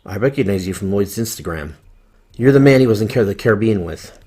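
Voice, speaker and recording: Casting: a woman as a scared stammering young guy, very low husky voice with lively swings in pitch. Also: a little fast, full character voice. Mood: tense. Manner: stuttering, panicked. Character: frightened young man confronting his killer ex. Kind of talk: horror story voice acting.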